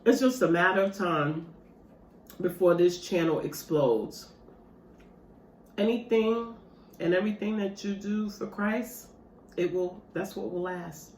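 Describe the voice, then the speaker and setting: A woman's voice: fairly low pitch, measured pace, pauses often, a little hiss or hum. A woman vlogger, chatting casually and animatedly to her viewers while eating dessert at home. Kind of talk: casual mukbang chat to viewers. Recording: echoey room.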